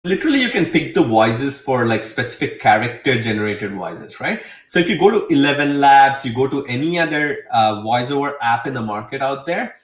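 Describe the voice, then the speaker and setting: A man's voice: medium pitch, sing-song, brisk, hardly any pauses, recorded from a distance. A man hosting a casual screen-share tutorial, talking enthusiastically in a rambling way full of fillers. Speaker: host demonstrating software. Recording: roomy sound, away from mic.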